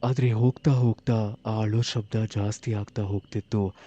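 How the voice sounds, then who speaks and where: A man narrating a first-person horror story with animated, tense delivery, acting out the dialogue himself. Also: lowish voice, normal speed, highs cut off.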